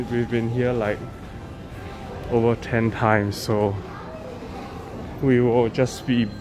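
A man's voice: mid-range voice, noisy background. A man hosting a casual walking tour vlog, chatting as he walks and films on a phone. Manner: slow, chatty, upbeat guide. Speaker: vlog host. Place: large indoor and outdoor garden complex at night. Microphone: handheld phone camera while walking. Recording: background music mixed in.

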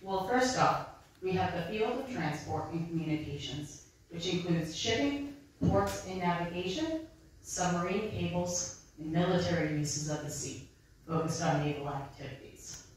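In a library room full of bookshelves, a maritime archaeologist in her thirties gives a chatty, audience-friendly public talk with slides into a handheld mic. Her voice is lowish and moderately paced, picked up from a distance in a very echoey space with a little hiss or hum.

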